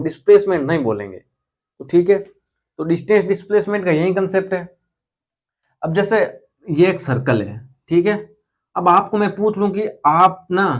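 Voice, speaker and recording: A young man teaching physics in a casual, chatty lecture style, speaking terms and repeating key words for his students. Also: fairly high pitch.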